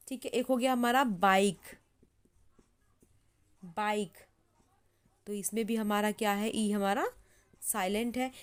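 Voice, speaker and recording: A woman teaching English pronunciation in Hindi, repeating each word slowly as she writes it and checking in with "ठीक है" again and again. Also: on the high side. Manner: repeats words slowly while writing, says "ठीक है" often. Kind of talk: slow explanatory lesson.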